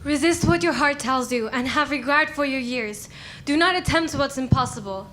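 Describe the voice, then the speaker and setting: A student actress speaking as a solemn chorus member in a school stage play. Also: female voice, high voice, moderate pace, a bit bright, slight background noise. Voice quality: declaiming, solemn. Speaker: student actor.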